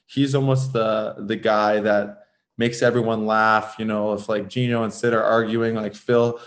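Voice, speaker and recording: With a lowish, fairly flat voice and a slightly slow delivery, this Southern Californian man in his thirties, once a pro hockey player, rambles through a laid-back podcast interview as a guest. He says "like" constantly and frequently restarts.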